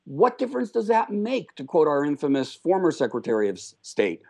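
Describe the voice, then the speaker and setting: A man's voice: fairly high pitch, sing-song, brisk, vocal fry, warm tone. A man hosting a political talk radio show, opinionated and sardonic.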